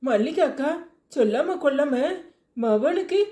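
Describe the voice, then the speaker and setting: A reasoning, soothing village woman from a cartoon, voiced by a woman talks in a Tirunelveli Tamil accent. Her voice sits slightly high and stays even. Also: a little slow. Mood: consoling. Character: calm consoling village woman.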